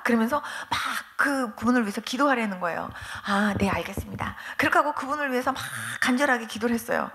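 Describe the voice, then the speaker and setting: High-voiced woman pastor telling stories. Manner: animated storytelling, acting out quoted voices. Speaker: guest pastor. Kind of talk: testimony sermon. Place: church revival meeting.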